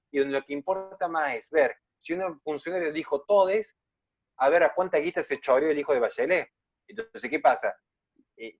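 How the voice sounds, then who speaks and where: A man's voice: fairly high pitch, no echo, lo-fi sound. A man giving an emphatic, polemical online lecture and answering questions.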